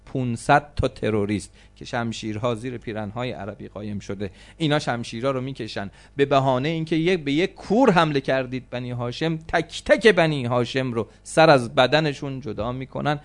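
A man preaching a religious story as a sermon, acting out the cries of the people in it and swinging from loud outbursts to hushed, slow passages. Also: medium pitch. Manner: dramatic, acts out quoted cries and voices, swings from loud to hushed.

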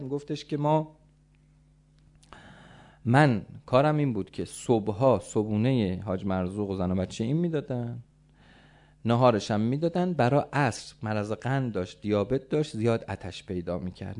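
A male preacher tells a religious story as a sermon. He has a mid-pitched voice. His delivery is dramatic, dropping to hushed lines and rising to loud calls.

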